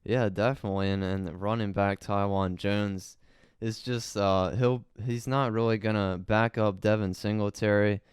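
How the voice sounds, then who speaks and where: A man with a low, very clear voice, recorded dry and close. He talks sports in a calm, flat, measured tone, hardly rising or falling. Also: no room sound. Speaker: podcast co-host. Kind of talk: casual sports chat.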